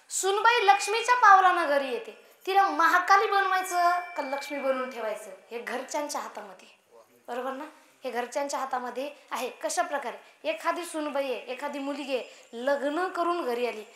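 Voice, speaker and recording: A woman kirtan preacher with a high, bright, ringing voice gives a playful storytelling sermon. She teases her listeners as she goes. Her voice echoes through a large hall. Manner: playful, teasing the audience. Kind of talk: lively devotional sermon with storytelling.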